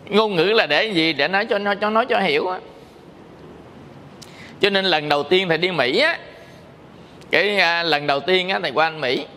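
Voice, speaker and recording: A man's voice: high voice, moderate pace, pauses often, bright, forceful tone, long reverb tail, slight background noise. A man from Vietnam, a Buddhist monk giving a dharma talk in a conversational way, often asking his listeners questions. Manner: conversational, asks the audience questions.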